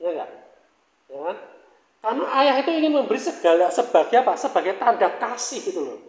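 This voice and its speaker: A male pastor giving a sermon in a relaxed, conversational way, often asking rhetorical questions and adding casual asides. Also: high-pitched, brisk, roomy sound, low-quality recording.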